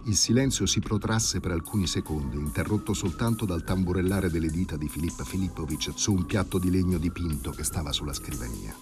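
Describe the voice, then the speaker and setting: A man reading a novel aloud as an audiobook, in a measured, expressive storytelling manner. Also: deep voice, over music. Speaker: audiobook reader. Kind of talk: literary audiobook narration.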